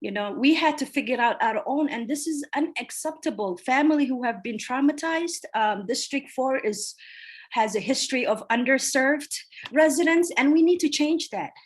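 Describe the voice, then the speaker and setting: A Somali woman in her forties who is running for city council answers interview questions over a video call. Her voice is high-pitched and expressive at a normal pace, and she speaks earnestly and emphatically, repeating key phrases.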